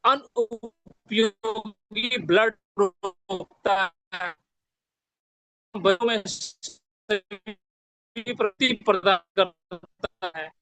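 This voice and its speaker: A man's voice: high-pitched, steady tone, pushed and bright, dry recording, poor audio. Man on a choppy, breaking-up video call. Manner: slow, earnest sales explanation. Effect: choppy breaking-up video call audio. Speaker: product trainer. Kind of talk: product training talk over a video call.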